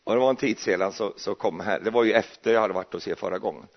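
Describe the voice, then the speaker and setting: A man's voice: on the low side, creaky, breathy edge. A male preacher, giving a chatty, joking sermon full of restarts. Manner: chatty and jokey, with many restarts. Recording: muffled, dull recording.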